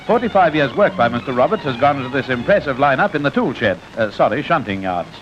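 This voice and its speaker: A man narrating an old newsreel in a brisk, jaunty scripted manner with wry asides, heard as an old newsreel soundtrack. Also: mid-range voice, sing-song. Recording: dull lo-fi old newsreel film sound with music.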